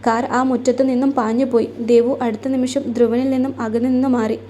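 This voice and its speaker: A woman storyteller reading a romance in an even, unhurried way. Her voice sits a touch high and mellow, and it barely rises or falls. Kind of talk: scripted story narration.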